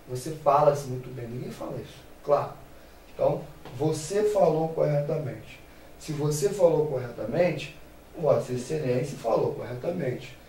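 A man with a Brazilian accent teaches grammar in a playful, animated way, asking questions and answering them himself. His voice sits a bit high and sounds a little far from the mic. The room around him is echoey, with a faint hum of ambience. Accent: Brazilian Portuguese. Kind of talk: lively grammar lesson.

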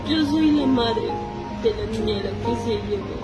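A woman's voice: fairly high pitch, normal speed, low-quality recording. A woman from Peru, the mother of a missing girl, crying and pleading for help at night outdoors by a river, her voice breaking as she repeats her requests. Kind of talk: tearful on-site plea to camera. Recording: music heavily mixed under.

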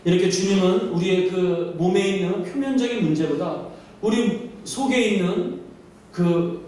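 A man's voice: high voice, darkish tone, slight background noise. A male pastor preaching a sermon, telling the story with feeling and asking many rhetorical questions, recorded in a church sanctuary. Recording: echoey hall from far off.

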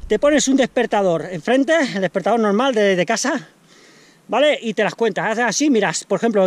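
A man from Spain, a trail running coach, explaining things step by step in a casual, colloquial way and often checking in with his listeners. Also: sits high. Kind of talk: casual instructional talk to camera.

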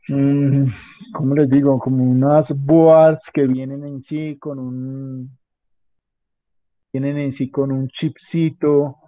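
A man giving a classroom lecture, halting and restarting often, checking in with the class after many phrases. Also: a little high, warm tone, no echo. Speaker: teacher. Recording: dull, muffled lo-fi audio.

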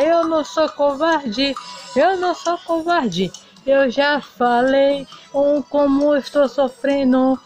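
A woman's voice: high voice, a little mellow, highs cut off. A woman voicing a heartbroken male doll singer in a toy play video, melodramatic and sing-song. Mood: lovesick lament.

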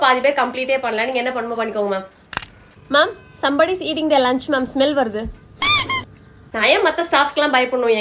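A woman's voice: sits high, background noise. A young woman acting out different types of schoolgirls in a comedy sketch, pleading, bossy and sarcastic by turns.

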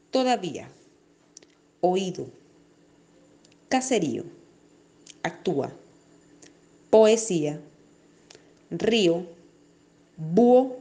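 A woman teacher giving a recorded distance-learning lesson to children, speaking slowly and clearly and stressing syllables as she explains. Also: lowish voice, dark tone. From Venezuela. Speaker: primary school teacher.

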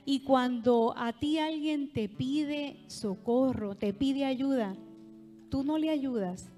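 A woman preaching a sermon with a Puerto Rican accent, fervent, moving between loud calls and soft asides. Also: high voice, slow. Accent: Puerto Rican Spanish. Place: large hall at a church convention. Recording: long hall reverb with faint music.

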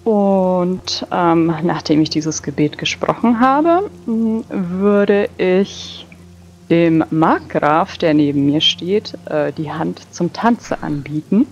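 A woman's voice: lowish voice, expressive, slow pace, a little mellow, a little hiss or hum. A woman narrating her character's actions and working through rules as a player in a tabletop role-play. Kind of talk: casual game narration and rules talk. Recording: dull lo-fi mic over background music.

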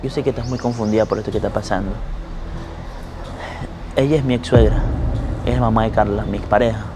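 An actor playing a widower who pleads and protests in exasperation in a melodramatic web drama, with music behind him. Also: male voice, on the low side, steady tone, brisk, lightly acted. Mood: pleading. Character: widowed man torn between his girlfriend and his mother-in-law.

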